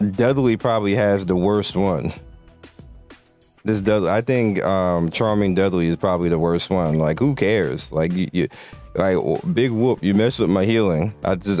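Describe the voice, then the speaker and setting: Deep and darkish, this man's voice is fading as he gives relaxed, slangy game commentary, restarting often. He creates mobile game content.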